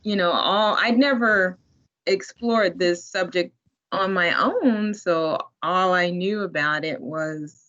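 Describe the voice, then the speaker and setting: Slow-talking enthusiastic woman host. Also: on the low side, fairly bright tone. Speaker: program host. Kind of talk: casual discussion on a video call. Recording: muffled lo-fi call audio.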